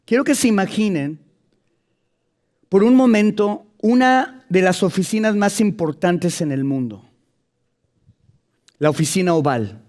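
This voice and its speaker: A man preaching a sermon to a congregation, telling stories lively and moving between quiet asides and loud emphatic passages. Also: high-pitched. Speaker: pastor.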